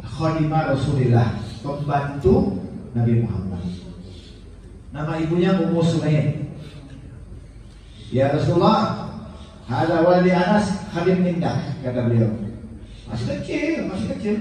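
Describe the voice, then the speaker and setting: A man with an Indonesian accent preaching a sermon in a prayer hall, telling stories with big swings between high and low. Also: measured pace, pauses often, distant mic, slight background noise. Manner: animated storytelling, pitch swinging high and low. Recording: echoey hall, heard from afar.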